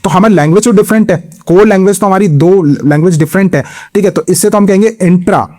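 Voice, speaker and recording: A man's voice: sits high, dark tone. Indian male teacher, rhetorical questions. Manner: explains step by step, asks and answers own questions, frequent "theek hai"; reads English questions slowly and deliberately. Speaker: exam coaching teacher. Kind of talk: Hindi-English exam lecture.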